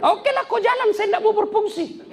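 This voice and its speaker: A man voicing an offended car brake that threatens to stop working, in a high, indignant voice. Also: fairly quick. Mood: sulky, indignant. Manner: squeaky, indignant, threatening to quit.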